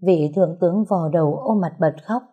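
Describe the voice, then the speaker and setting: A woman narrating a dramatic audio novel in a steady storytelling manner. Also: on the low side, brisk, breathy edge, phone-quality sound.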